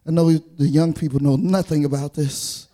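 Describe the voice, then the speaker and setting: A man's voice: a little high, fairly even intonation, normal speed, mellow. A man preaching a sermon with a rhythmic cadence and repeated call-outs to the congregation.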